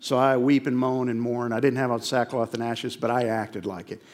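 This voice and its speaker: A man's voice: medium pitch, moderate pace, big-room sound. A man preaching a sermon, telling a personal story and acting out both sides of the conversation. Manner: animated storytelling, acts out dialogue. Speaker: pastor.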